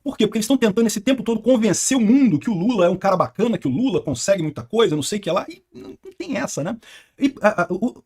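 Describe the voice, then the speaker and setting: A man's voice: sits high, a little mellow, slightly rough. A Brazilian man hosting a political react video, commenting with indignant, scornful remarks. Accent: Brazilian Portuguese. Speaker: channel host reacting to news clips.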